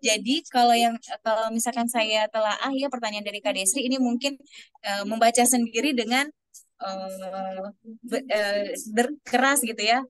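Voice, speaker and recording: A woman's voice: a little high, fairly even intonation, moderate pace, dry recording. Chatty woman answering webinar questions. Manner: explanatory, chatty, many fillers and restarts. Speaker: webinar speaker. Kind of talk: explaining answers in an online webinar.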